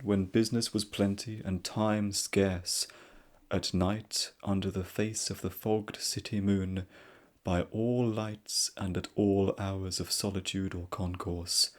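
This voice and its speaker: A soft-spoken man narrating a classic story in a slow, measured manner. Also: deep voice.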